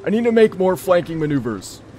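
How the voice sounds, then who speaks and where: A man doing an excitable old tank gamer in a strained high put-on voice, coaching viewers and exclaiming loudly during live-stream gameplay commentary. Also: a little fast, a little hiss or hum.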